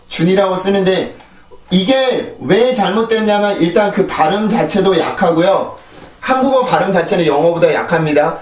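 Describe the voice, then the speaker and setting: A man teaching English pronunciation, explaining step by step and repeating drill words three times. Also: high-pitched. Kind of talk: pronunciation lesson. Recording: echoey room, voice a bit far from mic.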